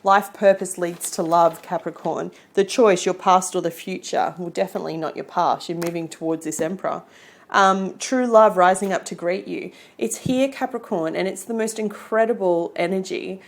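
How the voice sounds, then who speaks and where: A woman's voice: on the low side, moderate pace, creaky. A woman with an Australian accent giving a casual, chatty tarot reading to camera and encouraging her viewers. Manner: chatty, encouraging, often checks in with "okay?" and "right?". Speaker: tarot reader.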